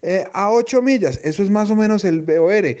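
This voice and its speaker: A man's voice: high voice, lively intonation, fairly quick, a little mellow, muffled recording, pitched above the performer's own voice. A man voicing a female air traffic controller who speaks in clipped, formal radio phrases. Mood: tense.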